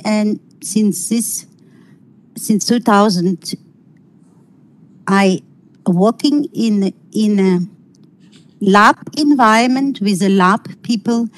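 Slow, halting middle-aged woman lecturing online. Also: mid-range voice, poor audio. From Kazakhstan. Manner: halting, searching for words, non-native phrasing. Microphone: video call.

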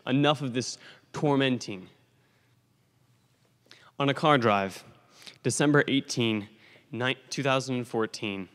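A teenage boy giving a graduation speech at a lectern in a school gym, telling his own story earnestly with dramatic pauses. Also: mid-range voice, a bit bright. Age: teens. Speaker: graduating student speaker. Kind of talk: commencement speech. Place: school gymnasium stage at a lectern. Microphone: podium microphone on a stand. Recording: long hall reverb from a large gym.

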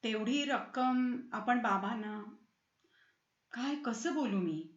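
A woman's voice: fairly high pitch, slow, echoey room, dull audio. A woman voicing a scheming young woman who pleads and coaxes her lover in a storybook reading. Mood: pleading. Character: scheming young woman, sweet-talking and tearful.

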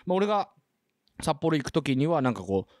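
A man's voice: fairly high pitch, a little fast, no room sound, clean studio sound. A young man from Hokkaido, a rapper guest in a casual interview, telling stories and acting out quotes with slangy asides. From Hokkaido, Japan. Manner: animated storyteller, acts out quotes with slangy asides.

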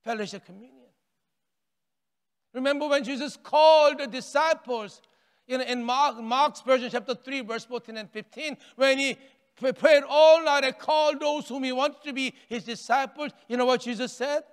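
An older pastor delivers a sermon at a moderate pace from the pulpit of a large sanctuary, his unusually high, smooth, resonant voice swinging between raised, emphatic lines and near-whispers. He preaches animatedly with wide arm gestures, repeating and restarting phrases and hushing on key words. A long church-hall reverb trails each phrase.

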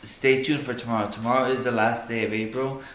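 A man's voice: medium pitch, fairly even intonation, a little fast, fairly bright tone. A young man vlogger talking casually with his wife, slangy and easygoing. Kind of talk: casual couple vlog chat. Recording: echoey room with faint noise.

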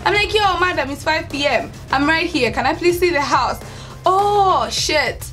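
A young woman with a Kenyan accent sits by an open doorway in her home and tells the camera a story in a casual, dramatic style, acting out what people said and switching into Swahili. Her voice sits high with a fairly bright tone, expressive and a little slow. Soft music plays in the background.

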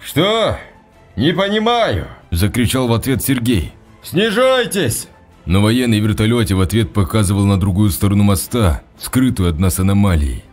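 A man's voice: lowish voice, fairly quick, hardly any pauses, darkish tone. Brief: male audiobook narrator, dramatic reading, faint music underneath. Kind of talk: scripted narration.

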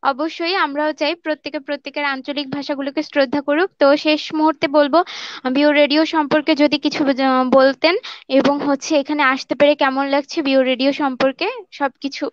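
A young woman hosting a student radio show, polite and slightly halting. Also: high voice, level tone, dry recording, highs cut off. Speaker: radio host.

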